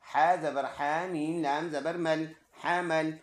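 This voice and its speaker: A man's voice: fairly high pitch, steady tone, slow. A man teaching Quran reading, spelling out each word letter by letter and vowel by vowel before reciting the full verse. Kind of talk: slow spelled-out recitation lesson. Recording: echoey room.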